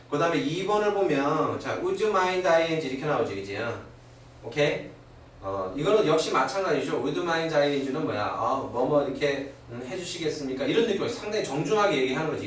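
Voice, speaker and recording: A middle-aged man teaching English grammar in a classroom lecture, constantly checking in with his students. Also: fairly high pitch. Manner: animated, keeps asking "그지?" and "오케이?". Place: academy classroom. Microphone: far camera. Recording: very echoey old classroom recording from far off, faint hiss.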